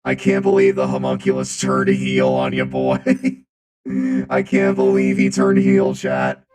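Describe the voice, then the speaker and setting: Heard through a deep, booming, metallic robot voice changer, this male streamer rambles in casual chat and keeps repeating phrases. He sounds monotone and slightly dark, and he takes his time.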